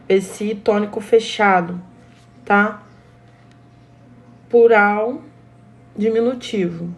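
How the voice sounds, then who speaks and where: A woman's voice: mid-range voice, a little mellow. A woman teacher with a Brazilian accent who gives a grammar lesson step by step and often checks in with the class. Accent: Brazilian Portuguese. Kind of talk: recorded grammar lesson for pupils.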